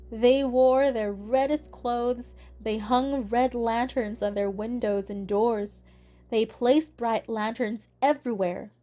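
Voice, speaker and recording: A woman reading a children's picture book aloud in a gentle, deliberate way. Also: fairly high pitch. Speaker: storybook reader. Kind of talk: children's read-aloud narration. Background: soft instrumental music.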